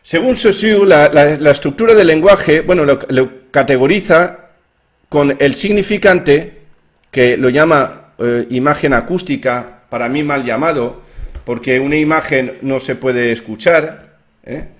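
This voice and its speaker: A man's voice: fairly high pitch, unhurried. A man explaining his own theory of language in an informal lecture, with many fillers and restarts.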